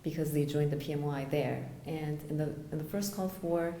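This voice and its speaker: A woman from Florida answering interview questions earnestly, with frequent fillers and pauses. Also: sits low, dark tone, echoey room, a little hiss or hum. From United States (Florida). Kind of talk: conversational interview.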